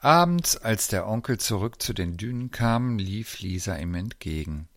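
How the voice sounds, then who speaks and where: A man narrating a children's story in a lively, expressive way. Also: lowish voice, moderate pace, no echo, studio quality.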